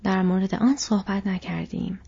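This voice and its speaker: A woman voicing a thoughtful, burdened young male hobbit who speaks softly and troubled, on a dull lo-fi recording. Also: medium pitch, fairly even intonation, vocal fry, husky. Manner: soft, troubled.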